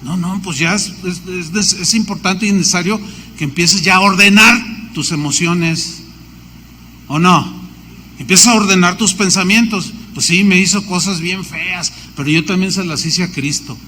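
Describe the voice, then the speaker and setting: A man with a Mexican accent, preaching a sermon as a pastor, animated, with lists and storytelling asides. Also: high voice, normal speed, in a large hall, a little hiss or hum.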